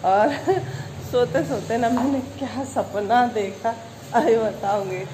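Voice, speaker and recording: A woman's voice: fairly high pitch, takes it slowly. A middle-aged woman from Uttar Pradesh, India, filming a casual daily vlog on a handheld phone. She is chatty, laughs often, and talks to her family and her pet. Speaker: vlogger. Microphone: handheld phone camera. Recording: roomy phone audio with background noise.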